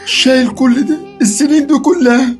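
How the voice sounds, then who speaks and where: A woman plays a frail old father-in-law with an Egyptian accent, reproaching his daughter-in-law. The voice sits a little high, and soft music runs under it in this comedy sketch. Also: fairly quick, lightly acted. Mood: plaintive. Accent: Egyptian Arabic. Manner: plaintive, reproachful.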